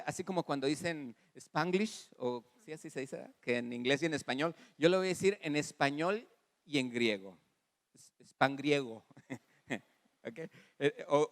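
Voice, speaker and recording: A man with a Mexican Spanish accent preaching a sermon as pastor, animated, calling on the congregation to repeat after him. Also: on the high side. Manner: animated preaching with audience call-and-response; acts out dialogue in varied voices. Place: church hall. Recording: long reverb in a church hall.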